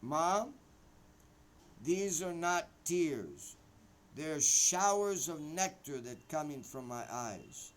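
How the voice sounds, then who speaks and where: A man voicing a gentle devout young man who speaks in a calm, controlled way. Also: on the high side, takes it slowly, low-quality recording. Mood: rapt. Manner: calm, controlled, softly devotional.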